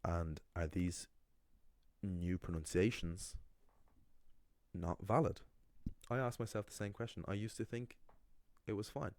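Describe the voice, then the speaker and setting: A man's voice: sits low, steady tone, measured pace, pauses often, a little mellow, dry recording. A young man teaching pronunciation in a blunt, opinionated way, with frequent restarts. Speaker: language teacher. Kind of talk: casual explanatory monologue.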